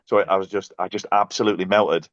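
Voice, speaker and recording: A man, a podcast guest and coach, telling self-mocking basketball stories in a casual, animated way. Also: low voice, quick pace, dry recording. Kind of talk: casual storytelling. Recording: dull, dry, lo-fi sound.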